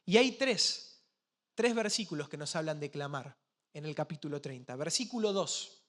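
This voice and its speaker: A man preaching a sermon with a Rioplatense Spanish accent, asking many rhetorical questions and swinging between soft and loud passages. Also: on the high side, expressive, moderate pace. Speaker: pastor.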